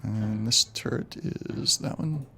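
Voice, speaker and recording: Guy gm for a tabletop game, kinda gravelly voice, lots of ums while he checks stuff. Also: lowish voice, slow, sharp tone, faint music behind. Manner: thinks aloud with frequent ums while checking rules. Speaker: game master. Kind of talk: running a tabletop game over voice chat.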